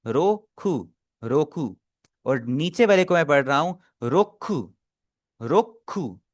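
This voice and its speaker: A man with a fairly high voice teaches an online class over a video call, explaining patiently step by step and often pausing to make sure his students are keeping up. The sound is dry and close, with no echo.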